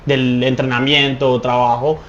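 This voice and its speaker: A man's voice: medium pitch, little pitch movement, moderate pace, highs cut off, slight background noise. A man co-hosting a podcast, chatting in a teasing, laughing manner. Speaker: podcast co-host. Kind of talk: casual chat.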